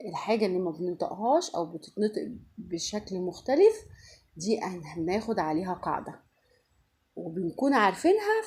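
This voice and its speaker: A woman with an Egyptian Arabic accent gives a pronunciation lesson in a mellow, warm voice. Her pitch rises and falls a lot as she explains. She drills each word slowly and patiently, saying it more than once. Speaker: French teacher. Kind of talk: online language lesson.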